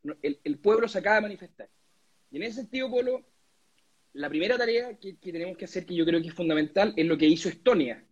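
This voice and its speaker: A man's voice: high-pitched, lively intonation, fast talker, lo-fi sound. A young Chilean man, a lawyer running for office, answering an interview in earnest, with many restarts and repeated words. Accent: Chilean Spanish. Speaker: lawyer and constituent assembly candidate being interviewed.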